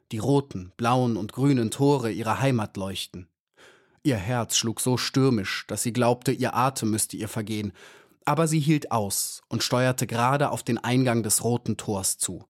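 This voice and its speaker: A man reading a children's storybook aloud in a calm, measured narration. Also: medium pitch. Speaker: audiobook reader.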